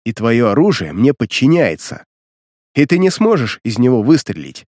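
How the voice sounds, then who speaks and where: A man voicing a young male prince who speaks slowly in a low, commanding tone. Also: very animated, a little mellow, dry recording, studio quality, lightly acted.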